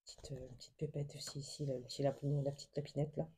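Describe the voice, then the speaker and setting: A woman leafs through a craft haul in a casual vlog, talking softly and hesitantly with many fillers. Her voice is very dark and mellow, with a husky, breathy grain. She gushes over every small detail. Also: low-pitched, flat delivery, fast talker. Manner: soft, hesitant, many fillers, gushing with endless diminutives. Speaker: craft vlogger. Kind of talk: casual show-and-tell of a book haul.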